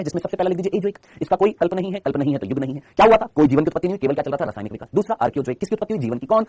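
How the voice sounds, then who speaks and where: A man's voice: high voice, darkish tone, slightly rough, no echo. A man teaching a live online biology class in Hindi, quizzing his students with constant rhetorical questions and answering them himself.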